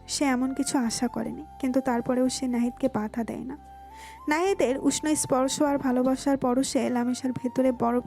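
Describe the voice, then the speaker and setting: A woman with a Bengali accent giving smooth, even scripted narration of a romantic audio story. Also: high voice.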